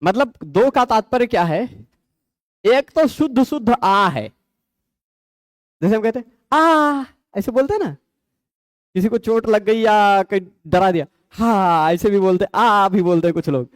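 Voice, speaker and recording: A male Sanskrit grammar teacher, his pitch sitting high and swinging widely as he explains. He builds his points patiently, asks questions and answers them, and checks that his students follow. The recording is dry and close. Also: lively intonation, normal speed, pauses often, no echo. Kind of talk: explanatory lecture.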